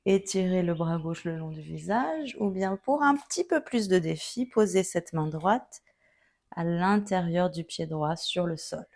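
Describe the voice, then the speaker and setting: A woman teaching a yoga class, giving calm, gently guiding cues through each pose. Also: fairly low pitch, a little slow, vocal fry. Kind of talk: guided yoga instruction.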